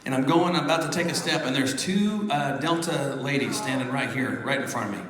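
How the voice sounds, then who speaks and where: A man's voice: medium pitch, fairly quick. Man telling a story in a church hall. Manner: animated storyteller, drops to a hushed voice. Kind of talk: storytelling between songs at a concert. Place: large church hall with an audience. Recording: echoey church hall, crowd reacting. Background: audience responses.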